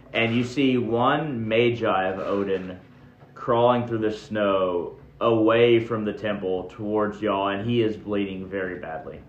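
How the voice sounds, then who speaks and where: A man narrating a tabletop game as game master, describing scenes in a relaxed, chuckling way. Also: lowish voice. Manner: laid-back, chuckling, descriptive. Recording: dull roomy recording.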